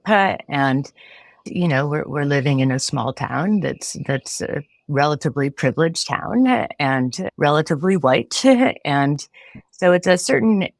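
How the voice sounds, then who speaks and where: A woman's voice: low-pitched, no room sound, clean studio sound. A woman in her forties from Connecticut, a philosophy professor answering interview questions thoughtfully, with frequent restarts and light laughter. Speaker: philosophy professor, podcast guest.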